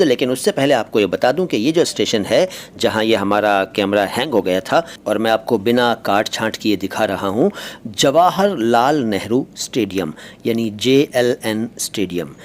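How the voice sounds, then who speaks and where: A man teaching words in a relaxed vlog style, his voice rising and falling with lively intonation. He pauses and hesitates as he explains. Recorded on a phone aboard a train, with a faint hum of noise underneath. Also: medium pitch. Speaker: language teacher and channel host. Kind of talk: casual vlog-style vocabulary lesson. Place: inside a moving train.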